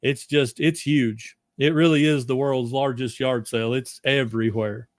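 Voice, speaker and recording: A man's voice: mid-range voice, steady tone, normal speed, no echo, studio quality. A man chatting casually as a guest on a podcast, explaining things in a loose, rambling way.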